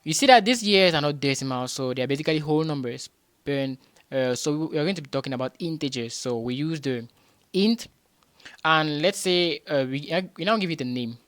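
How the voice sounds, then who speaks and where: A man tutoring beginners in programming, patiently repeating each point and often pausing with hesitations and restarts. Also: fairly high pitch, fairly bright tone, no room sound. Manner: patient and repetitive, restates points with rhetorical questions.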